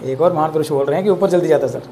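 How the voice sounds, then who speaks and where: A man's voice: a little high, very fast, warm tone, slight background noise. Chatty male physics teacher, teasing class. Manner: chatty, teasing students with rhetorical questions.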